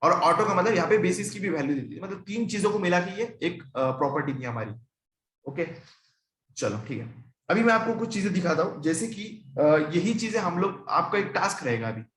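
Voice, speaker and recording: Chatty Indian coding teacher, slightly high voice. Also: male voice, lively intonation, moderate pace, a bit bright, echoey room. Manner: conversational, asks and answers own questions, often checks in with "ठीक है". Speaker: programming teacher. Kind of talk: screen-recorded coding tutorial.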